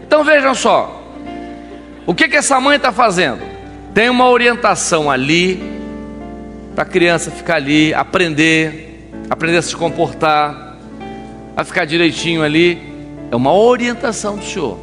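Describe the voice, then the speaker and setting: A male pastor preaches in a lively, high-pitched voice that rises and falls a great deal, moving easily into storytelling. The sound has a long church-hall reverb, with a faint instrument playing behind him. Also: moderate pace, long pauses, soft background music. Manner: animated, conversational, acts out scenes. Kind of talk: sermon with storytelling.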